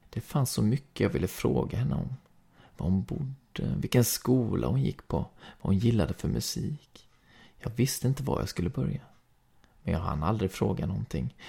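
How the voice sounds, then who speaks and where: A man with a Swedish accent reading a story aloud in calm, steady first-person narration. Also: lowish voice, vocal fry, breathy edge. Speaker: podcast reader.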